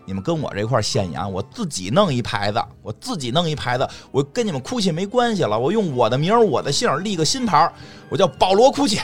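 A man's voice: fairly high pitch, big pitch swings, quick pace, faint music behind. A man acting out a brash, defiant businessman who quits his family's company, in his own everyday voice. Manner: boastful, mocking.

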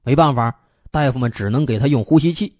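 In studio-quality sound with no room sound, a male storyteller host recounts an unsolved mystery in a casual, chatty way, building suspense and using many filler particles. His voice is mid-range and darkish, and he talks at a quick pace.

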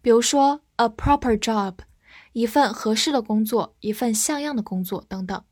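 A woman teaching English vocabulary, spelling words out letter by letter and repeating them slowly. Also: a little high, a little mellow, dry recording, studio quality. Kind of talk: scripted vocabulary lesson.

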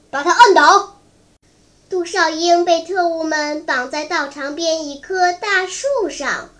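A storyteller reading a long storybook aloud in a slow, careful way. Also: very high voice, bright, forceful tone.

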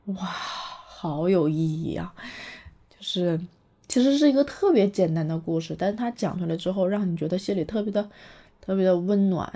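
A woman chattily retelling a cartoon story, animated and full of fillers. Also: low voice.

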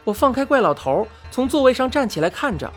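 Speaking quickly and a little high, a woman recounts events in the first person. She reads with feeling, acts out the dialogue in a lively way, and faint music can be heard underneath.

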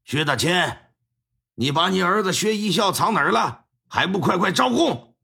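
A man voicing a stern, ruthless county magistrate in a storyteller's performance, with a gruff, commanding manner. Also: sits high, very animated, moderate pace, bright, forceful tone, exaggerated voice.

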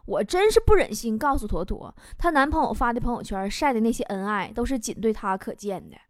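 A woman's voice: on the high side, expressive, a little fast. A young woman, hosting a comic storytelling monologue in a brash, teasing way. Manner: brash, teasing, bursts into shouting. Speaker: talk show host. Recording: loud background noise.

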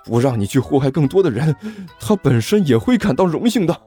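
A man's voice: on the high side, sing-song, a little fast, mellow, husky, faint music behind, voice pushed up. A man voicing a fat, grumpy man who scolds and complains in exasperation. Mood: indignant.

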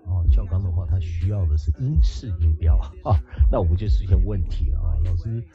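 A low-voiced man, lecturing casually as an English teacher. His pitch swings widely as he keeps asking "right?" and mixes English words into his talk. The recording sounds slightly dull, with faint music behind him. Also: lively intonation, a little fast. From United States. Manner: chatty, asks rhetorical "right?", drops English words into the Chinese.

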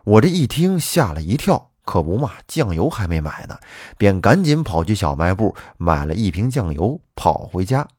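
A man's voice: lowish voice, normal speed, hardly any pauses, slightly rough, no room sound, clean studio sound. A man telling a folk tale in the first person as a storytelling host. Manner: lively, animated first-person narration. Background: faint background music.

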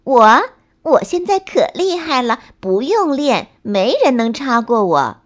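Casting: a woman doing a cocky little girl bunny, high and sing-song, for a storybook, on a slightly dull recording. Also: big pitch swings, unhurried. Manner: bouncy, high childish bragging.

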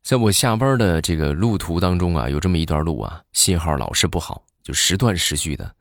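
In a dry recording with faint music in the background, a married adult comedian with a low, expressive voice chats his way through funny everyday stories. He draws out his filler sounds and imitates other people's voices as he goes.

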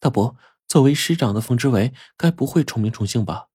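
A man's voice: medium pitch, animated, fairly quick, darkish tone, husky, no room sound, studio quality, pitched above the performer's own voice. A man voicing a young orphaned woman who sobs and stammers as she pleads. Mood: soft wistful. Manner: sobbing, stammering pleas.

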